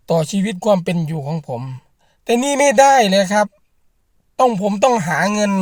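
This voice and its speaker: A man's voice: high-pitched, darkish tone, no room sound, studio quality. A man, a rice farmer and channel host, talking straight to camera in an earnest, repetitive way as he appeals to the government. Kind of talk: direct-to-camera political vlog.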